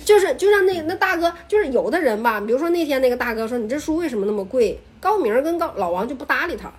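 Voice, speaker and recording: This woman speaks with a Northeastern Mandarin accent. She is a bookstore owner in casual chat. She tells her stories with animated energy, in a high voice and at a quick pace. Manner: animated storyteller, acts out quotes.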